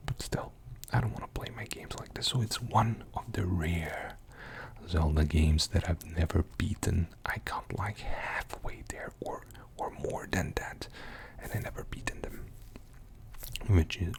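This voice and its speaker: Low gravelly male ASMR whisperer. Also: a little slow. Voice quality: mostly unvoiced whisper. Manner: soft, rambling, with many fillers. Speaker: ASMR video host. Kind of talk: whispered ASMR game show-and-tell.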